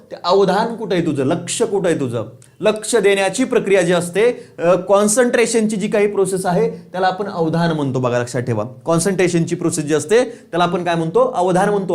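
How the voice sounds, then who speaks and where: A man teaching an online exam-prep lesson. He asks questions, answers them himself, repeats key points and chuckles now and then. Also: sits high. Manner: repeats key points, says "lakshat theva"; casual, chuckles and teases students.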